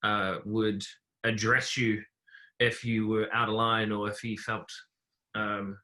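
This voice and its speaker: A young man from New Zealand, a podcast guest telling his life story in a relaxed, rambling way with many fillers. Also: fairly low pitch, slow. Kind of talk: casual conversational interview.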